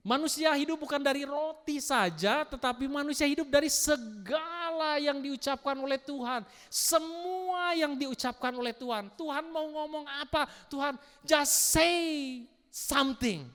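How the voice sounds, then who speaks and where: A male pastor preaching in a playful, animated way, slipping English into his sermon. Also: very high voice, normal speed, hardly any pauses. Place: church hall. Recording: long reverb church hall.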